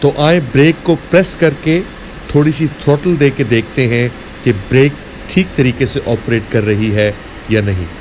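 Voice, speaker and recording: A man with a Pakistani accent narrates a flight simulator tutorial casually, mixing explanation with radio phraseology. He speaks at normal speed with a medium pitch. A steady, clear hum and noise run in the background.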